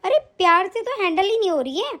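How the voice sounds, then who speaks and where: An older mother-in-law in a cartoon family drama whines and scolds in a very high, squeaky voice, as a woman voices her. She snaps out orders and sulks with hurt pride. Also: very animated, quick pace, fairly bright tone, heavily acted. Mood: stern. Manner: whiny, scolding. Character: older mother-in-law, tearful then stern. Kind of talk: animated story voice acting.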